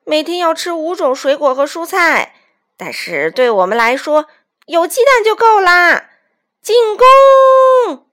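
A woman's voice: sits high, sing-song, normal speed, hardly any pauses, exaggerated voice. A woman voicing a gloating male weasel bandit chief who rallies his gang in a storybook reading. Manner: loud, gloating, bossy.

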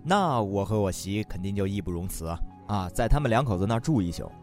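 A man with a Northeastern Mandarin accent hosting a radio comedy, telling stories in a teasing, lively way. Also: on the low side, fast. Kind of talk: comic storytelling. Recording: faint background music.

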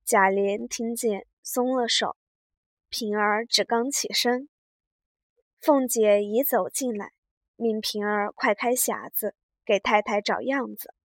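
A woman narrating a classic novel in a measured, unhurried storytelling reading. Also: on the high side, fairly even intonation, no room sound.

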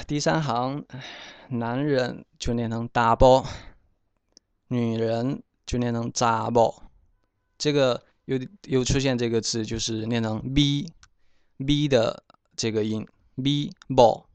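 Male language teacher, patient and repetitive, smooth resonant voice with a touch of fry. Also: medium pitch, no room sound. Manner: slow, repeats words for learners. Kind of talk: explaining vocabulary pronunciation.

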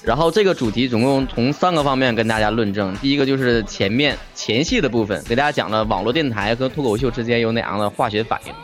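A man's voice: mid-range voice, fast, hardly any pauses, faint music behind. A man with a Northeastern Chinese accent talking casually as a podcast guest, colloquial and joking. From Shenyang, northeastern China. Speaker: talk-show podcaster, guest instructor. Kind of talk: casual explanatory talk.

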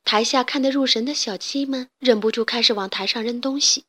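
A woman reading a children's storybook aloud in a lively, expressive way. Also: on the high side, a little fast.

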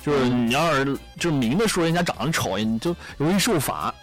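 Young guy hosting radio, laughs at his own jokes, very lively pitch, soft music under it. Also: fairly quick. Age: young adult. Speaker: radio show host. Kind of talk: casual comedic storytelling.

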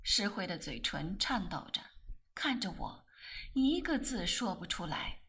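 A woman reading a novel aloud in expressive, animated storytelling narration. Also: mid-range voice, measured pace, husky. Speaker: audiobook reader.

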